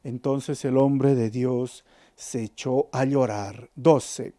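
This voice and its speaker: A man's voice: medium pitch, fairly even intonation, takes it slowly, dark tone. A man, a pastor teaching a Bible study in an earnest storytelling manner, calling his listeners brothers.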